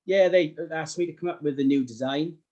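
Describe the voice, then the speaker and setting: A man's voice: fairly high pitch, brisk, mellow, muffled recording. A middle-aged man with a South Wales Valleys accent, chatting casually in an interview in a modest, hesitant way. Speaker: podcast guest, sports graphic designer.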